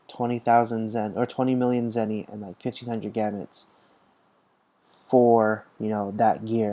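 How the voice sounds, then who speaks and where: This gaming channel host, a young man with a medium-pitched, darkish voice, yawns and sounds worn out as he plays a mobile game. His commentary is loose and rambling, packed with fillers and false starts.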